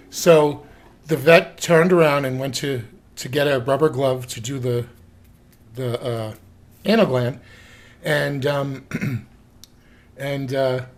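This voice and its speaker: A man recounts stories from an animal hospital in a loose, chatty way, with frequent fillers and restarts. His voice sits at an ordinary pitch, and he mixes in mild crude remarks as he talks. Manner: rambling, chatty, a little crude. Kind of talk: casual storytelling to camera.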